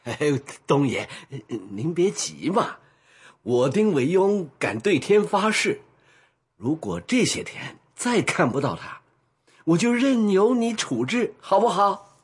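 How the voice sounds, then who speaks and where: A nervous, fawning middle-aged toady in a radio play, with a very raspy, breathy voice. It rides up and down in lively swings, and he speaks slowly. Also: high voice, exaggerated voice. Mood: pleading. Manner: fawning, nervous laughter, stammering. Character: obsequious middle-aged uncle, eager to please. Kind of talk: radio drama acting.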